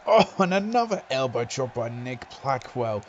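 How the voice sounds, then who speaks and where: A man doing excitable play-by-play wrestling commentary, breaking into loud exclamations. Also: medium pitch, normal speed, lo-fi sound, a little hiss or hum.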